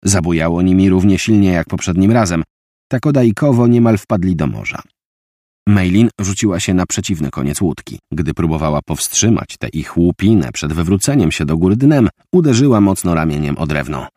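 Low-voiced guy reading a novel aloud, lots of up and down in his voice, dry booth sound. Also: brisk, no echo. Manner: vivid, expressive reading. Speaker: audiobook narrator. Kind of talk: scripted audiobook narration.

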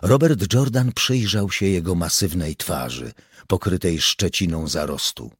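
A man narrating an audiobook in an even, unhurried reading voice. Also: low-pitched, breathy edge, no echo, clean studio sound. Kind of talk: scripted narration.

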